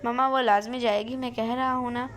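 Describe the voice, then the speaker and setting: A woman's voice: on the high side, fairly even intonation, brisk, fairly bright tone, a little hiss or hum, natural voice. A woman voicing a confident young male doctor in a read-aloud novel, speaking in a firm, assured way.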